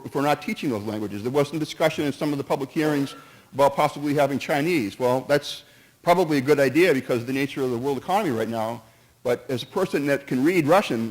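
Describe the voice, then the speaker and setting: A man with a mid-range voice speaks at a town meeting's public comment, captured on a rough recording. He's earnest and careful, tripping over words, restarting and shifting between points while giving his view.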